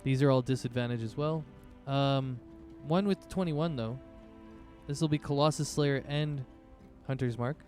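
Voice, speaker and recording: A man's voice: mid-range voice, measured pace, a little mellow, faint music behind. A man working as game master, casually narrating a tabletop fantasy game and thinking aloud as he goes.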